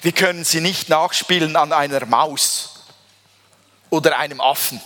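A man preaching a sermon, emphatic, slowing down to stress key phrases. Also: a little high, sharp tone. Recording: long reverb of a large hall.

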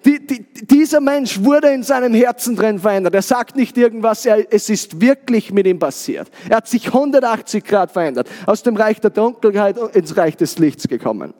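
A man's voice: high voice, animated, moderate pace, hardly any pauses, a little mellow. A man preaching a sermon with passion, often stumbling and repeating words as he restarts his sentences. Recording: long hall reverb.

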